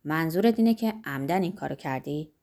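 A woman's voice: low-pitched, lively intonation, dark tone, pitched below the performer's own voice. A woman reading an audiobook, voicing an anxious young man who speaks earnestly and apologetically. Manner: earnest, ashamed.

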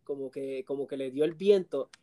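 A man, co-hosting a casual podcast chat, telling animated stories and laughing often. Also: medium pitch, moderate pace, a crowd in the background. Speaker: co-host.

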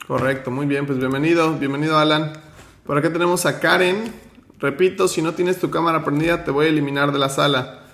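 A man's voice: fairly high pitch, fairly even intonation, fairly quick, fairly bright tone, roomy sound. A man hosting an online finance workshop, teaching with motivation and firmly running roll call. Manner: firm, direct, gives instructions.

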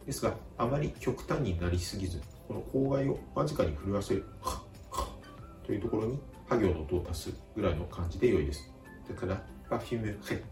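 A man teaching a vocabulary lesson, speaking calmly and slowly repeating each word with careful pronunciation. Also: sits low, echoey room, distant mic. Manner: slow, careful pronunciation drills. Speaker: language teacher.

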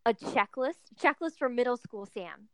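A woman co-hosting a podcast, reacting quickly and teasing her guests in a relaxed conversational way. Her voice sits fairly high, and the sound is close and dry with no room echo. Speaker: podcast co-host. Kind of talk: casual chat.

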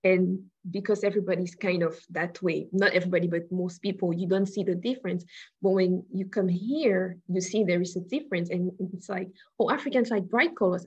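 A woman's voice: mid-range voice, a little mellow, breathy edge, highs cut off. A woman from Cameroon, an interior designer, talking in a casual interview and searching thoughtfully for her words.

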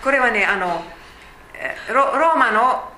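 A woman's voice: a little high, lively intonation, unhurried, pushed and bright, roomy sound, slight background noise, low-quality recording. A woman teaching a Bible study, explaining chattily with fillers and asides.

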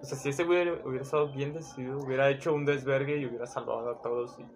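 A man with a Mexican accent in casual, slangy chat, talking excitedly and dropping güey often. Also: medium pitch, rapid-fire, a little hiss or hum. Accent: Mexican Spanish. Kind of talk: casual chat about anime.

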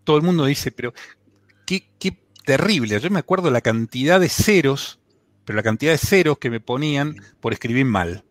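A man's voice: mid-range voice, expressive, moderate pace, no echo, clean studio sound. A man from Argentina with a Buenos Aires accent, chatting casually on a radio show and explaining things at length with many restarts. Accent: Buenos Aires Spanish. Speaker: tech segment contributor.

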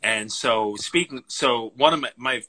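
A man's voice: mid-range voice, unhurried, sharp tone, breathy edge, poor audio. A man co-hosting a podcast, chatting casually about a film, rambling with lots of fillers and laughing often, tired from lost sleep. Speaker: podcast co-host. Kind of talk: casual movie chat.

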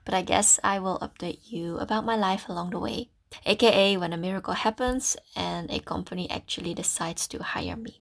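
Speaking a little fast in a creaky, lowish voice, a young Dutch woman in her early twenties does a casual solo podcast. She talks into a phone from a small closet, towel over her head, sounding self-conscious and rambling.

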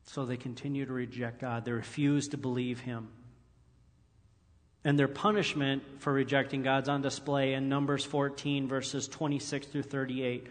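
A man's voice: mid-range voice, level tone, moderate pace, big-room sound. A male pastor preaching a sermon in an earnest way, reading scripture aloud with emphatic rises.

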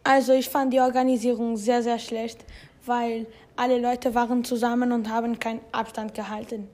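A woman's voice: on the high side, flat delivery, normal speed, a little mellow. A woman student who gives her opinions frankly and directly. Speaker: student interviewee.

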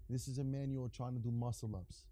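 A man with a New York accent chats casually as a guest and tells gym stories, often restarting and repeating words. He speaks at a middle pitch. A steady noise with clicks runs under his voice. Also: a little fast. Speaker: guest, fitness trainer. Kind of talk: casual live chat.

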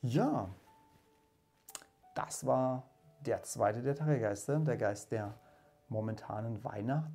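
A man reading a classic story aloud in a calm, measured way, then talking to his viewers. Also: mid-range voice. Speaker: reader and channel host. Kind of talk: audiobook reading.

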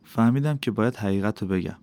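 A man reading an audiobook aloud in a calm, measured storytelling manner. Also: lowish voice, no room sound. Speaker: audiobook reader. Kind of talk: audiobook narration. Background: faint music.

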